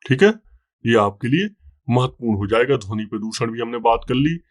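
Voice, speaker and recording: A man's voice: mid-range voice, lively intonation, fairly quick. A male teacher giving an exam-prep lecture, explaining step by step and often repeating key points and checking in with students.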